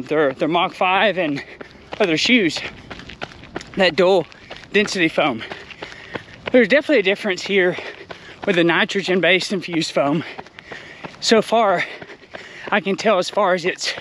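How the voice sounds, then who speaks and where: Man talking while running, higher-pitched voice. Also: a bit bright. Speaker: running shoe reviewer. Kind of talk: casual review while out on a run. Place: outdoors on a run in an urban area. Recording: outdoor noise with passing vehicles.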